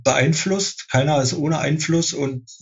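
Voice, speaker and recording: A man's voice: a little high, measured pace, creaky, husky, lo-fi sound. A man speaking as an interview guest, composer, in casual talk, thoughtful, with many fillers and restarts.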